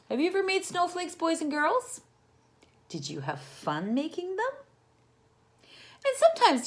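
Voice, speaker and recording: A female teacher reads aloud at storytime, her voice on the high side. She addresses young children directly and encouragingly, asking them questions as she goes.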